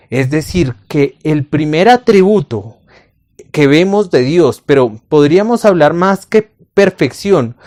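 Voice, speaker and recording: A man teaching a Bible lesson to camera, patient, calling the listener his friend and asking rhetorical questions, slowing on key phrases. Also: a little high, darkish tone.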